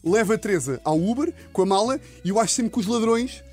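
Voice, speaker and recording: A man with a European Portuguese accent, telling a comic story as a podcast host, animated and laughing often. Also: fast, faint music behind. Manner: animated, laughs often, slips into high-pitched impressions. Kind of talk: comedic storytelling.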